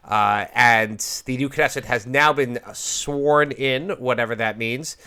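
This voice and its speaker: A man's voice: mid-range voice, takes it slowly, sharp tone, smooth. A man hosting a political talk show, speaking conversationally in a wordy, emphatic way with rhetorical repeats. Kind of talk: conversational broadcast interview about politics.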